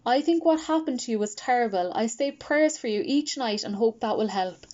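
A woman reading a quiet, careful schoolgirl who speaks softly. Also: a little high, animated, moderate pace, muffled recording, lightly acted.

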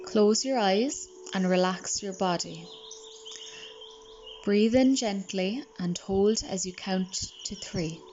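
A woman reading a guided relaxation script in a soft, soothing manner. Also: medium pitch, slow pace, slight background noise. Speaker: meditation guide. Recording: slightly dull recording. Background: calm music and birdsong.

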